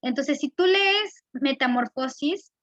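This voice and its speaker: A woman's voice: high voice, expressive, slow pace, fairly bright tone, no echo. A woman teaching a literature class, explaining patiently and checking in with her students as she goes. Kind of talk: recorded lecture. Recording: dull, dry lo-fi recording.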